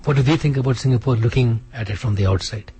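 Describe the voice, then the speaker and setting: A male author appears as a guest on a casual radio interview, recorded in a radio studio. His husky, low-lit voice comes out fast and animated, and he restarts often.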